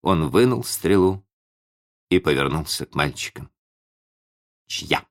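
A man narrating a children's story in an expressive, animated audiobook reading. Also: rumbling low. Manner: animated storytelling, slow and deliberate.

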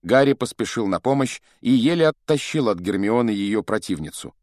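Low-voiced guy reading a story out loud, really animated, dry close mic. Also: normal speed, no echo. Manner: animated, voices each character. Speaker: audiobook narrator. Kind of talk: expressive storybook narration.

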